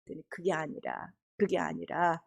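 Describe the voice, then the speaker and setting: A middle-aged woman preacher telling a testimony in a sermon, animated storytelling with laughter and acted-out quotes. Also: fairly low pitch, moderate pace, creaky.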